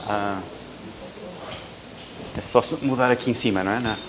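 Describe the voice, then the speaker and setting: Low-voiced Portuguese man lecturing. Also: fairly even intonation, background noise. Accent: European Portuguese, softened toward Brazilian. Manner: halting, frequent restarts and tag questions. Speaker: visiting professor, lecturer. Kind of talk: university lecture. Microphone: microphone at a lecture.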